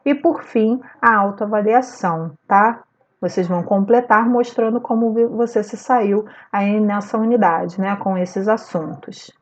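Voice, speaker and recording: A woman's voice: medium pitch, a little slow, lo-fi sound. A woman teacher giving a recorded video lesson, walking patiently through textbook exercises and often checking in with her students. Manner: frequent checking fillers like "né" and "tá".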